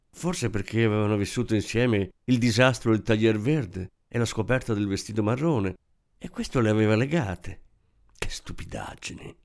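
A man narrating a novel aloud in an expressive storytelling manner. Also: medium pitch, gravelly. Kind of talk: scripted audiobook narration.

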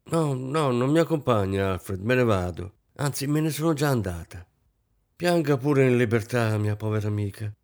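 A man's voice: mid-range voice, lively intonation, moderate pace, darkish tone, close to an everyday voice. A man reading aloud voices a society lady guest, a woman who speaks in a sweet, syrupy way that hides spite. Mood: falsely sweet. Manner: mellifluous, falsely sweet.

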